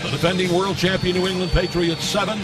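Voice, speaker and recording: High-pitched man making excited touchdown calls. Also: quick pace, loud music behind the voice. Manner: clipped, excited touchdown calls in short bursts. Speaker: American football play-by-play announcer. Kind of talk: live play-by-play commentary with touchdown calls. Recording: very noisy game broadcast, stadium roar. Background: loud stadium noise.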